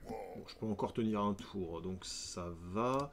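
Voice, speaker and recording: A man's voice: lowish voice, a little slow, gravelly, noisy background. A man streaming a strategy game, chatting casually and joking with his viewers. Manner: chatty, joking asides to chat. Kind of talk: casual live-stream commentary.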